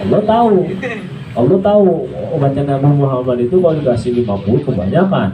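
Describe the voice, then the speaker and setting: Preacher, roomy and distant. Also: male voice, mid-range voice, lively intonation, fast, crowd noise. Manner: conversational, asks and answers his own questions. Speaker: religious teacher. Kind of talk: informal sermon. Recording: echoey room from far off, noisy.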